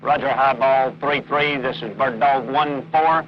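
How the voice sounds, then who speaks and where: A man's voice: medium pitch, fairly even intonation, measured pace. Guy as young marine radio man, clipped businesslike callouts on field radio, dull old recording, noisy. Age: young adult. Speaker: marine forward air controller on radio. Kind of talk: clipped military radio procedure talk. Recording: dull vintage film, noisy radio and vehicle.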